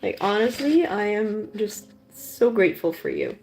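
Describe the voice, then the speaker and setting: A woman's voice: mid-range voice, lively intonation, a little slow, darkish tone. A woman in her thirties, the host of a live painting stream, chatting casually and gushing over her colors. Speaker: art streamer. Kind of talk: casual chat while painting.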